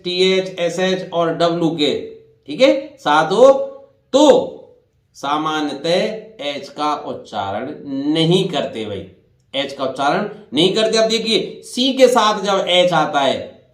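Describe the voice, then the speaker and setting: Slow, high-voiced man teaching. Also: big pitch swings, echoey room. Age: 50s. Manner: slow, deliberate, repeats words and spells letters out; addresses listeners directly, "dekhiye" and "bhai". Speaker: English teacher. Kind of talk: classroom-style spoken lesson.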